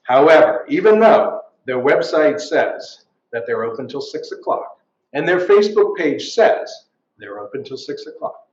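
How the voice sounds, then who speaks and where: A man giving a chatty, jokey show-and-tell at a live event, full of wry asides. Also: fairly high pitch. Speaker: local writer presenting. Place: art gallery at a live event. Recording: roomy, dull live recording.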